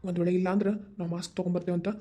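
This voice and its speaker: A voice actor doing a pair of scheming village brothers in a homemade cartoon, speaking with a North Karnataka Kannada accent. The talk is quick and blunt, full of plotting banter, rushed along at a fast clip. The voice sits at an ordinary middle pitch. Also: monotone, warm tone, lightly acted. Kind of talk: amateur cartoon dubbing.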